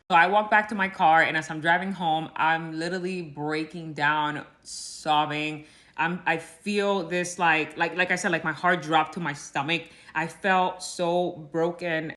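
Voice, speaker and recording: A woman vlogger recounts a personal story in a casual rant, speaking in a lowish voice. Her talk is loose and chatty, peppered with "like" as she goes. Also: fairly bright tone. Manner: chatty, many "like" fillers.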